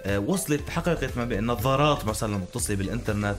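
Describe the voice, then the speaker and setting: Very fast-talking Lebanese radio man. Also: lowish voice, animated. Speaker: radio morning show co-host. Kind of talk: lively radio banter and promotion. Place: radio studio. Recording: music bed behind the voice.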